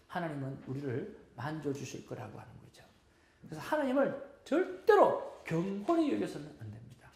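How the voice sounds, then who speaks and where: Teaching at a church seminar, a woman with a low, darkish voice delivers a sermon full of stories. She earnestly urges her audience on, and the sound is roomy.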